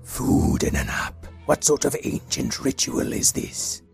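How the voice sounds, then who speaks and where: A man plays an ancient squid monster, a timeless ex-villain who speaks with pompous deadpan gravity. The voice drops low and gravelly, sliding widely in pitch, with light music underneath. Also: a little slow, full character voice. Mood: deadpan grandeur. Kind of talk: improvised comedic audio fiction.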